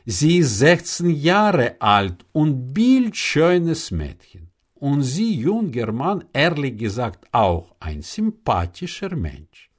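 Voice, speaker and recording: A wry old traveler speaks in unhurried, sighing explanations and answers questions with questions, as a man puts him on. His pitch rises and falls sharply, and he takes his time. He sounds patient and shrewd. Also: huge pitch swings, exaggerated voice. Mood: knowing.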